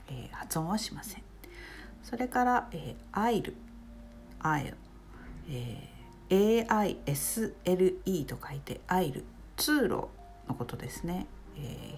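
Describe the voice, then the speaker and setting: A woman who teaches English, giving a spoken pronunciation lesson with many filler pauses. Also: lowish voice, a little mellow, a little hiss or hum.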